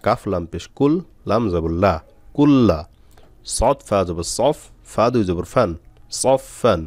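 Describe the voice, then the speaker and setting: A man teaching Quran reading, spelling out letters and syllables slowly with frequent pauses. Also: on the low side, lively intonation, darkish tone, dry recording. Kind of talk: step-by-step spelling lesson.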